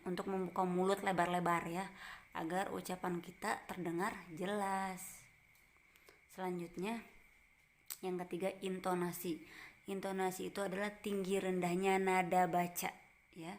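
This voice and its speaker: Woman teacher, gentle, kinda monotone, low-ish voice, faint hiss behind. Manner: gentle, explains in short phrases with frequent tag questions. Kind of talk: online class lesson.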